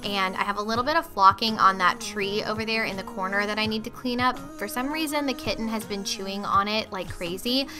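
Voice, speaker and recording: A woman's voice: mid-range voice, fairly quick, few pauses. A young woman chatting casually as a cleaning and cooking vlogger, explaining with occasional filler ums. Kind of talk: casual voice-over narration. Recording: loud background music. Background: loud music.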